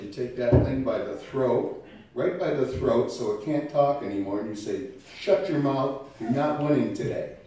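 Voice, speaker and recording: Pastor with a head cold, echoey distant church. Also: male voice. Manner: conversational, swings from loud emphatic to quiet and low. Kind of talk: sermon. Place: church sanctuary.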